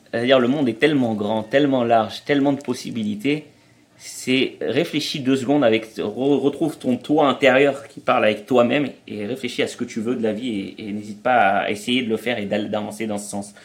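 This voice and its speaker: Homme d'âge moyen qui raconte des anecdotes. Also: male voice, mid-range voice, brisk. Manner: explanatory, anecdotal, hesitant restarts. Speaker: guest, traveling parent. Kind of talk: casual interview chat.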